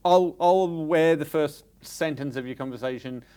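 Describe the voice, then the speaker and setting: Aussie guy cohosting a film chat in a cinema, gets really animated telling stories. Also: on the high side, moderate pace, smooth. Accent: Australian. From Australia. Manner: animated, emphatic storytelling. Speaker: podcast co-host. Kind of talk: casual chat.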